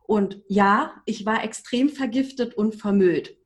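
A woman in her forties, a coach and trainer, telling her personal story in an emphatic, animated way as a podcast guest. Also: medium pitch, unhurried. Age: 40s.

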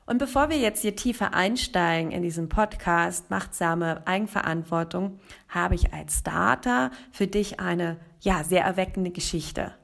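A woman's voice: fairly low pitch, unhurried, creaky, fairly bright tone. A woman hosting a motivational podcast as a life coach, speaking emphatically and addressing the listener directly. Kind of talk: motivational podcast monologue with storytelling.

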